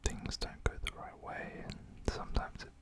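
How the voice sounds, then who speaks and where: A male ASMR creator talks at a normal speed, whispering softly and breathily close to the microphone. The chat rambles casually, and his tone stays gentle, relaxed and reassuring.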